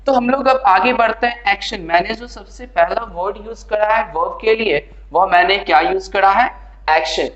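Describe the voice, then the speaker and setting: Male English tutor, high-pitched, friendly classroom delivery, roomy echo. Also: fairly bright tone, muffled recording. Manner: chatty teacher addressing students as friends. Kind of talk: casual classroom explanation.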